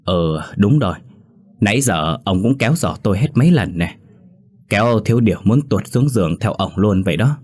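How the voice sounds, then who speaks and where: A man's voice: on the low side, expressive, moderate pace, a little mellow, breathy edge. A man voicing a grumpy drunk old man who complains. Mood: complaining.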